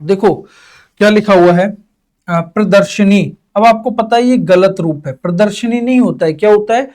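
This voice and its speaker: Brief: young male teacher, high voice, quizzes the class and answers in students' voices, drags out key words. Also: moderate pace, a little mellow. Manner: asks questions and answers them in students' voices. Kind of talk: exam-prep Hindi lesson.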